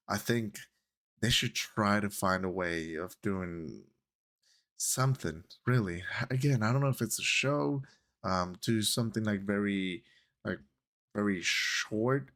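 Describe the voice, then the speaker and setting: A man's voice: low voice, a bit bright. A man whose first language is Spanish, talking casually to camera about a film he loved, with lots of fillers and self-corrections. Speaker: vlogger. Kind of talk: casual movie talk to camera.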